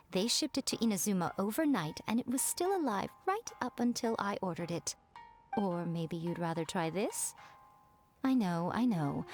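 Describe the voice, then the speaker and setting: A woman's voice: mid-range voice, lightly acted. A woman as Yae Miko, sly lilting teaser. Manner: playful, smug, drawn-out teasing delivery. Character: Yae Miko, sly, teasing, self-indulgent elegant woman. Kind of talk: anime video game voice acting.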